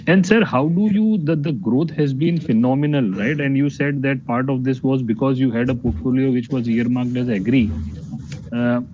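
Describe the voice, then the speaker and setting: Speaking at medium pitch with a dark tone, an Indian financial analyst politely quizzes management on an earnings call. The audio is a dull, noisy conference phone line.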